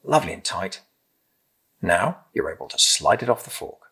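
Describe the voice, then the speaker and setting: A middle-aged British man with a low, slightly husky voice presents a craft demonstration at a table in an indoor room with timber-framed walls. Speaking at a moderate pace with lively, rising-and-falling intonation, he gently offers simple, encouraging step-by-step instructions.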